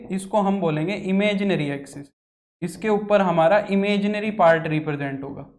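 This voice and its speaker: High-voiced male maths teacher. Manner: repetitive, asks students questions and answers them himself. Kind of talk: classroom lecture at a board.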